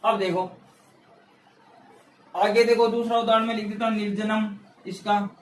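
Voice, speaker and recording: A male tutor with a high-pitched, level voice works through an exam-prep lesson at a board at a measured pace, patiently explaining step by step. He repeats key words and poses questions he then answers himself. The recording has a little hiss or hum, with an echoey room and a distant mic.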